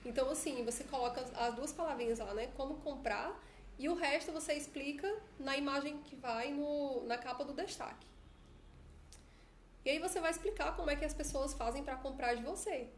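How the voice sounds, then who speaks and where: A chatty Brazilian woman with a Brazilian Portuguese accent coaches her followers live on her phone, casually and with frequent tag questions. She has a high voice at normal speed, recorded in an echoey room with slight background noise.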